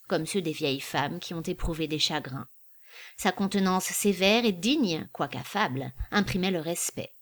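A woman reads a classic novel aloud as narrator. Her delivery is measured and clear, with a steady literary cadence. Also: medium pitch.

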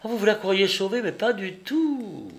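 Gossiping society lady, man reading, lively storyteller, slightly raised voice, audiobook. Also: high voice, normal speed, gravelly, voice pushed up. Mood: gossipy.

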